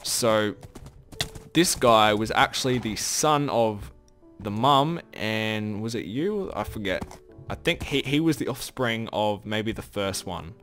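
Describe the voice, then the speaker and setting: A man's voice: lowish voice, expressive, slow, a bit bright, soft background music. A man giving casual gameplay commentary as the host of his own let's play, rambling and often correcting himself. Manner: rambling, self-correcting, chatty.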